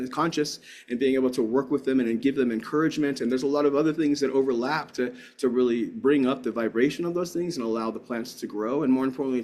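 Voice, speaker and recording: A keynote speaker with a mid-range, somewhat dark voice gives his talk and takes audience questions. He's earnest and tends to ramble, often starting his sentences over.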